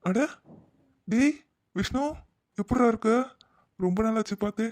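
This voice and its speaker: A man's voice: high-pitched, unhurried, a little mellow, no room sound, studio quality. A man doing a fussy, wary father-in-law. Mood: worried.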